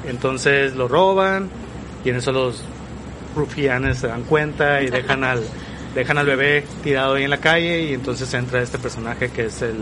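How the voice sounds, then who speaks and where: A man's voice: medium pitch, moderate pace. A man with a Mexican accent explaining things informally and meanderingly as a podcast panelist. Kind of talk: casual film synopsis in conversation. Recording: noisy outdoor city ambience.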